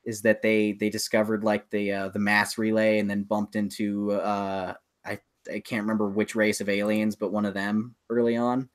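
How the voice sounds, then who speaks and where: A podcast co-host talks at normal speed with hardly any pauses, his voice fairly low and level. He rambles enthusiastically while casually explaining things about films and games.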